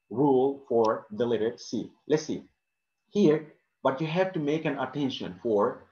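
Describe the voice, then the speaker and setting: A man's voice: mid-range voice, darkish tone. A man teaching a pronunciation lesson at a board, saying each example word twice and checking in with "okay?" after each point. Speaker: English teacher. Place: classroom writing on a board. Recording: roomy, dull classroom audio.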